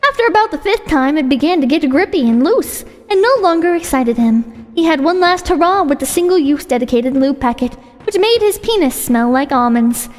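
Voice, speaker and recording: A woman's voice: high voice, animated, normal speed, few pauses. A woman reading a short story aloud as its narrator. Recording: long hall reverb with music.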